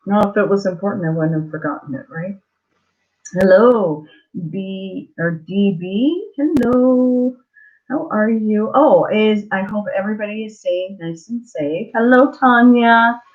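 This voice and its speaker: A woman hosting a casual live chat, greeting viewers haltingly and apologetically, her mouth swollen and slightly thick-sounding after dental surgery. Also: mid-range voice. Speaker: livestream host. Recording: dull lo-fi livestream audio.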